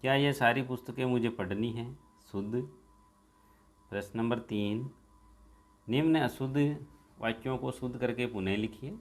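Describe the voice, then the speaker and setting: Working through a school workbook, a male teacher with a mid-range voice reads every exercise out loud before supplying its answer. He slows down and puts emphasis on the jumbled sentences.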